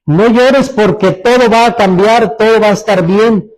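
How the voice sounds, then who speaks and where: A man preaching a sermon as pastor, Mexican Spanish accent, repeating phrases and dropping to soft, low tones for emphasis. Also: measured pace, low-quality recording. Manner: repeats phrases, restarts words.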